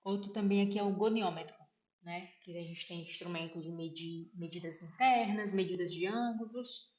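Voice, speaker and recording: A Brazilian woman vlogger with a Brazilian Portuguese accent teaches vocabulary in a casual spoken lesson, slowly repeating words and frequently checking in with "né?". Her voice is lowish with a darkish tone, and the room is echoey.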